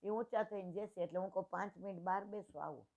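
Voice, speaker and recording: A woman's voice: mid-range voice, fast, darkish tone. A woman in her sixties tells devotional stories in plain homely speech, acting out the dialogues, at a religious gathering. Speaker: satsang speaker. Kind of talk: devotional storytelling talk. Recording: tinny phone-like line.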